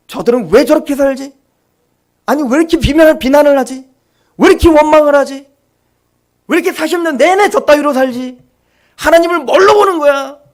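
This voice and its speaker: A male pastor preaching an impassioned sermon, firing rhetorical questions at the congregation and dropping to quiet asides. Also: very high voice.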